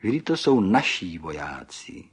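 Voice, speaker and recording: A man reading an audiobook, voicing a motherly middle-aged woman who gently talks someone round. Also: deep voice, very animated, slightly rough, full character voice. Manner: gentle, persuasive.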